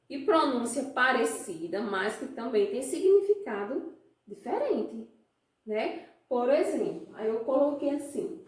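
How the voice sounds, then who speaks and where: A Brazilian woman teaching a class, explaining slowly and checking in with her students with frequent questions. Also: high voice. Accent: Brazilian Portuguese. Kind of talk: classroom lesson. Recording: very echoey room, voice from a distance.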